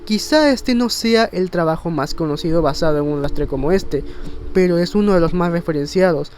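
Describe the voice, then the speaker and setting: A man voices his views in a video essay, his voice on the high side, a little mellow, and at normal speed. There is faint music along with a little hiss or hum. His style is rhetorical and emphatic, with dramatic stress on key words.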